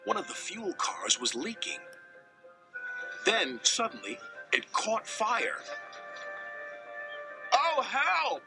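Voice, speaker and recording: A man's voice: takes it slowly, gravelly, pauses often, over music, low-quality recording. A man narrating a children's train story, changing his voice for each character. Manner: lively, shifts pitch for each engine voice. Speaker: narrator voicing all characters.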